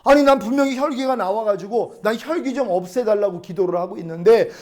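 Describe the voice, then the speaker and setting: A middle-aged male pastor preaching a testimony sermon, telling his story with animated storytelling and acting out dialogue with God. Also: high-pitched, brisk.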